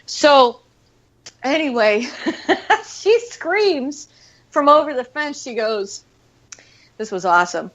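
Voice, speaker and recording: A middle-aged woman co-hosting a show, telling stories in a loud, projecting, profane voice. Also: high voice, expressive, slow pace. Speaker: show co-host. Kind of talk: casual chat. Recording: muffled lo-fi audio.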